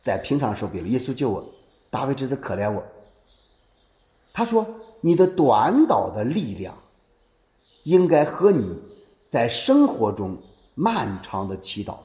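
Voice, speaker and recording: A man preaches in a church, and his voice rises and falls with plenty of expression as he puts questions to his listeners. The sound rings around an echoey room. He reads scripture aloud and then explains it in a warm sermon cadence. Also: medium pitch. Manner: lively preaching with rhetorical questions.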